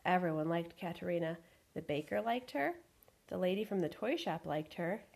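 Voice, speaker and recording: A woman reading a picture book aloud in an expressive, animated way. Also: fairly low pitch, moderate pace, vocal fry. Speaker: storyteller.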